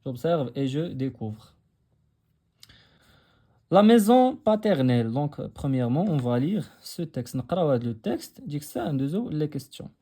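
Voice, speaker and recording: A man's voice: mid-range voice, expressive, moderate pace, hardly any pauses, mellow, husky. A young Moroccan man teaching a lesson in a patient way, repeating his phrases and switching between French and Arabic. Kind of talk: explaining a textbook lesson.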